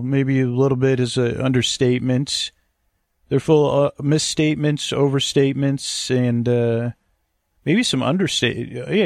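A podcast host with a gravelly, medium-pitched voice rambles through a hesitant, stammering monologue meant to help listeners fall asleep. The recording is dry and studio-clean.

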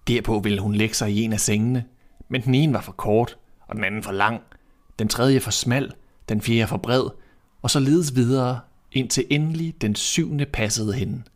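A man reading a classic fairy tale aloud in a calm, even storytelling manner. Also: medium pitch. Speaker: reader. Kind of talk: storybook narration.

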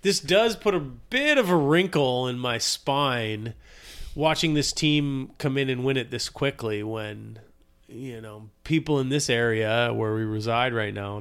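A man in his forties from Canada, co-hosting a casual sports podcast. He talks in a relaxed, storytelling way and slips into quick character voices for the punchlines. His pitch sits in the middle of the usual male range. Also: gravelly, clear, resonant tone. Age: 40s. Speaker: podcast co-host.

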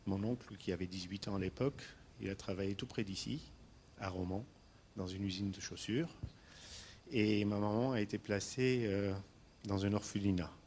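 A man from Istanbul telling his own life story on stage, hesitant with many pauses and fillers. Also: lowish voice, a little mellow, a little hiss or hum. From Istanbul, Turkey. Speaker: guest speaker.

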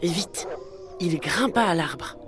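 A woman telling a children's story in a gentle, measured way. Her voice is low and unhurried, with music playing underneath. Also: animated. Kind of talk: scripted children's story narration.

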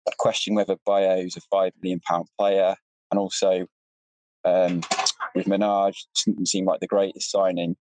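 A man's voice: sits low, little pitch movement, moderate pace, a little mellow, dry recording, low-quality recording. A British man calling in to a football show as a fan, giving his opinions casually and politely.

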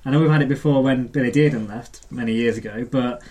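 A man's voice: mid-range voice, darkish tone. A man on a football fan podcast panel, talking casually and rambling, stumbling over his words. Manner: quick, rambling, repeats words.

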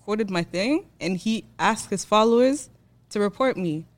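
A woman's voice: mid-range voice, lively intonation, unhurried. A woman in her twenties, from Switzerland, talking bluntly and outspokenly as a podcast guest, with lots of "like". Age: 20s. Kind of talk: casual chat.

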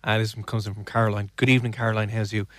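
A man's voice: fairly low pitch, little pitch movement, very fast, dry recording, clean studio sound. An Irish man hosting a radio show, chatting casually and playfully teasing his co-host while reading listener texts. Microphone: studio microphone.

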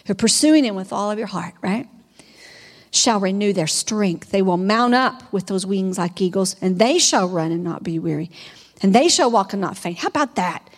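A woman preacher giving a sermon, reading scripture aloud and then exhorting her listeners in an animated way. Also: mid-range voice, in a large hall.

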